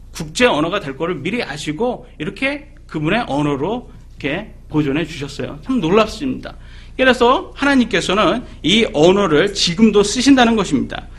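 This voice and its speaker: Lively, breathy male preacher. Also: sits high. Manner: animated, asks the audience questions; acts out quoted people in voices. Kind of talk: sermon.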